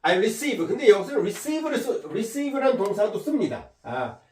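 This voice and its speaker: A middle-aged man teaches English in a slow, lively voice that rises and falls a lot. He repeats each word and draws his example sentences out patiently. The room rings, and he sits back from the mic. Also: sits high. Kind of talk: online English lesson. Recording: roomy echo, mic at a distance.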